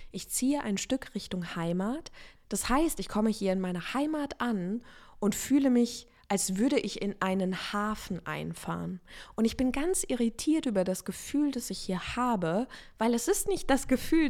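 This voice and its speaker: A woman in her thirties hosts a self-help podcast, her voice sitting at an ordinary middle pitch. She talks in a reflective, coaching way, addressing the listener directly as she thinks aloud. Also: a little mellow. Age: 30s. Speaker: podcast host.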